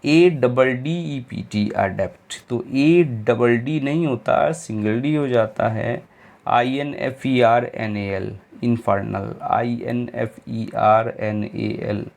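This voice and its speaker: A man's voice: mid-range voice, slow, gravelly, a little mellow. A man teaching English spelling for exam preparation, spelling each word out letter by letter with informal asides. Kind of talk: exam-prep spelling lecture.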